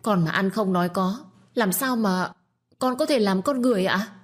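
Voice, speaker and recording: A woman's voice: mid-range voice, normal speed, voice pushed up, lightly acted. A woman voicing a frightened young servant girl who pleads tearfully and protests her innocence. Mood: tearful pleading. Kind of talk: storytelling with acted dialogue.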